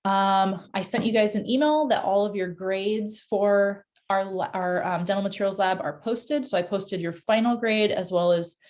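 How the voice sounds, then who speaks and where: A woman's voice: medium pitch, normal speed, hardly any pauses, darkish tone. A woman teaching a dental course in an online class session over a video call, talking casually with many fillers and restarts.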